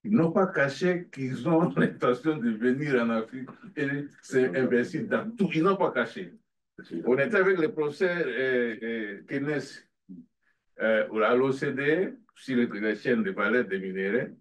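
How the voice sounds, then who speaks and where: A man, asking a panel a long question in an earnest, halting way. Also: mid-range voice, animated. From Democratic Republic of the Congo. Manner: halting, restarts often, earnest. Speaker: audience member asking a question. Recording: from far off in a room.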